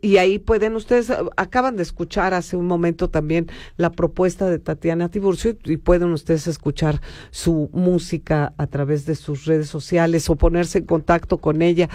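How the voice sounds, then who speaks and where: A man hosting a university radio show, chatty and quick to affirm his guests. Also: fairly high pitch, fairly even intonation, darkish tone, no echo, studio quality. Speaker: radio host.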